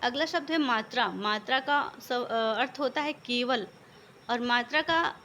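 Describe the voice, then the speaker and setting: A woman's voice: fairly high pitch, a little slow, sharp tone, slight background noise. A woman teaching a vocabulary lesson, patiently explaining one word after another.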